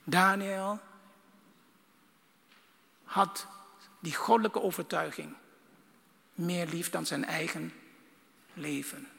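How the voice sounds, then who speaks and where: A man preaching a sermon with fervour, swinging between loud bursts and hushed lines. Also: a little high, fairly even intonation, slow pace, creaky, pauses often, breathy edge, big-room sound.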